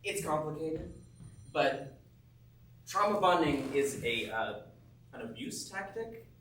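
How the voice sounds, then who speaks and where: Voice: medium pitch, lively intonation, slow pace, a bit bright, slight background noise. A performer on stage playing a wry, matter-of-fact friend, recorded from far off in an echoey theatre. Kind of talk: stage play acting.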